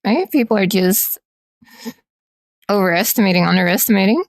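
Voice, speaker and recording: A woman streamer chats casually with her audience and teases them in a playful way. Her voice carries a gravelly fry. The sound is dry, with no room echo. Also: mid-range voice, animated, normal speed. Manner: playful, teasing.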